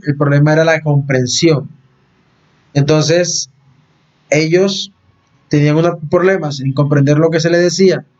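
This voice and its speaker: Brief: male lecturer, slightly high voice, patient and repetitive, dull lo-fi recording. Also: darkish tone. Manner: explains patiently, repeats phrases and checks in with "¿no?".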